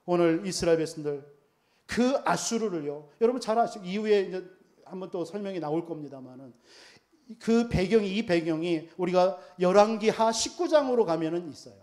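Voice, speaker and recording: A man's voice: high-pitched, expressive, brisk, a little mellow. A male pastor preaching a sermon emphatically, often putting rhetorical questions to the congregation.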